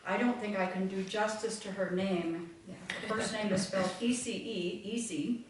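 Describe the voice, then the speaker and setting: A woman's voice: mid-range voice, steady tone, normal speed, background noise. A woman leading a full moon meditation group, talking reflectively to a live audience and meandering with many fillers. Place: meeting room with audience. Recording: echoey room, far from mic.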